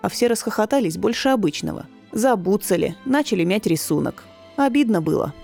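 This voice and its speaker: A woman voicing a gentle, wry young male servant telling a story. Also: mid-range voice, animated, a little fast, gravelly, soft background music. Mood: wistful. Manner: wry, easygoing.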